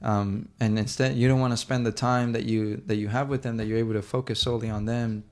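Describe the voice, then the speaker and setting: A young man, a guest in a casual interview, talking about family in a halting way with many restarts and fillers. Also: medium pitch, little pitch movement, a little mellow. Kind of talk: casual conversation.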